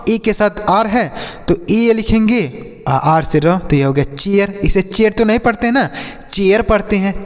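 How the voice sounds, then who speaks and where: A high-pitched man leads a classroom-style reading lesson, asking questions and answering them himself as he goes. His voice carries a long, ringing echo from the room. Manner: addresses viewers as dear children. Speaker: English teacher.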